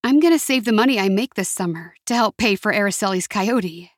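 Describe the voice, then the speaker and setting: A woman's voice: mid-range voice, expressive, brisk, no room sound, clean studio sound, close to an everyday voice. A woman voicing a frightened young student girl who talks in an anxious, pleading way. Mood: earnest.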